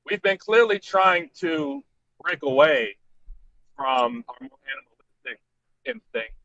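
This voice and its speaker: A man on the road makes his point on a group video call through a tablet. His voice cuts in and out with the bad connection, the words arriving in broken fragments. The sound is dry and muffled, and his pitch sits somewhat high for a man. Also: lively intonation, unhurried, sharp tone, no room sound. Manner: earnest, argues in broken fragments. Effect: voice cutting in and out over a weak online call connection. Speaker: hangout participant. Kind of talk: casual debate on a group call.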